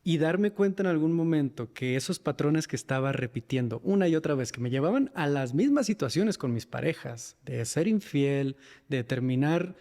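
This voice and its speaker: In what sounds like a large hall, a man with a northern Mexican accent speaks at normal speed with lively intonation. His fairly high voice is mellow, and as a podcast guest and men's mental health facilitator, he reflects personally on himself and his work.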